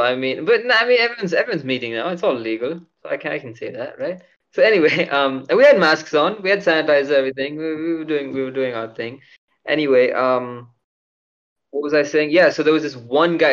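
A young man chatting casually on a podcast, rambling with lots of fillers and frequent swearing. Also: medium pitch. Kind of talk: casual chat. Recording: dull lo-fi audio.

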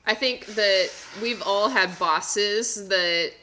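A woman's voice: mid-range voice, slow pace, noisy background. A woman co-hosting a podcast, casually telling baseball history stories with dry asides. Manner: anecdotal storyteller, dry asides. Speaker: podcast co-host.

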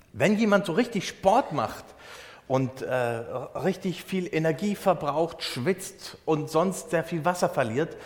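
A German pastor preaching in a conversational way, explaining a Bible verse with everyday examples. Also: male voice, a little high. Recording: long hall reverb.

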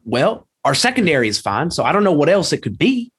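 A man playing an ignorant, blustering small-town male football coach in a comedy sketch, gruff with sudden high-pitched outbursts. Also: very animated, brisk, a bit bright, full character voice.

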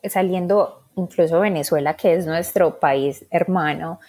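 A woman with a Colombian accent talks on a podcast in an earnest, reflective way. She slows down to weigh her words. Her voice sits a little low. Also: a little mellow. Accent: Colombian Spanish. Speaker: podcast co-host. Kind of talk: casual podcast chat.

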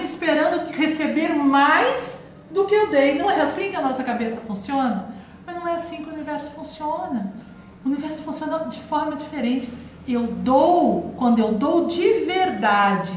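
A Brazilian woman in her forties, hosting a reflective spiritual talk and often calling her listeners "gente". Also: high-pitched. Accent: Brazilian Portuguese. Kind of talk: live-streamed motivational talk. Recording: very echoey room, faint hiss.

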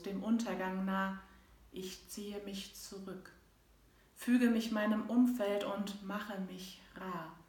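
A woman, an author and host, reads her own book aloud as a rhythmic rhyming recital that moves between soft and loud passages. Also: mid-range voice. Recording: echoey room.

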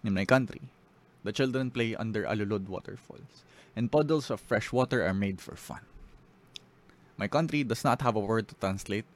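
A man from the Philippines with a Filipino accent and a lowish voice speaks at a moderate pace on a podcast. A spoken word poet, he moves between English and Filipino while chatting casually and reading his poetry.

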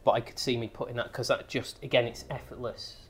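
A man's voice: medium pitch, steady tone, quick pace, fairly bright tone, a little hiss or hum. Chatty man, wine talk. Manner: chatty, restarts phrases, tells jokes. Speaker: guest, wine educator and comedian. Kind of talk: casual podcast chat. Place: studio near a busy street.

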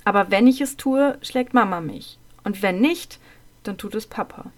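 A woman narrating a childhood memoir in the first person, in a calm, measured way, her phrases often dropping soft at the end. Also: mid-range voice.

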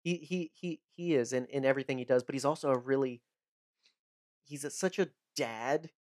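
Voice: medium pitch, moderate pace, darkish tone, no echo, clean studio sound. A podcast co-host in a casual movie chat, rambling and searching for words.

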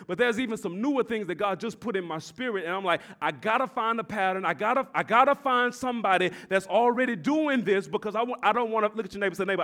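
A pastor in his forties preaching a sermon, swinging from shouted exhortation to quiet, confiding talk, and repeating his phrases. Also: high voice. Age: 40s. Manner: repeats phrases and tells the congregation to address their neighbor.

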